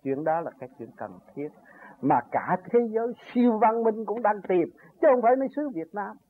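A man's voice: high-pitched, animated, normal speed. An older man giving an earnest, rambling spiritual talk that rises to emphatic peaks as he recounts his own journey. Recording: tinny phone-like recording with faint noise.

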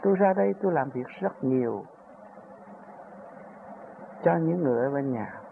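A man's voice: mid-range voice, animated, moderate pace, gravelly. An older man giving an earnest, rambling spiritual talk that rises to emphatic peaks as he recounts his own journey. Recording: tinny phone-like recording with faint noise.

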